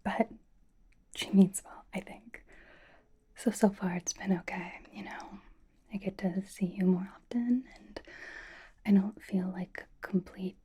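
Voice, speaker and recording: A woman's voice: medium pitch, steady tone, a little slow, long pauses, warm tone, breathy edge. A woman whispering a roleplay monologue to the listener in a library, teasing and blunt.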